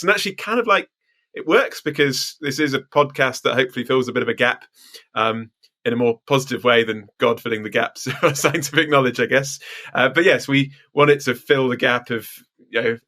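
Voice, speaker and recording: Bright-toned male co-host explaining. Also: mid-range voice. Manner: explanatory, laughs easily. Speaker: podcast co-host. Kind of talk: casual chat.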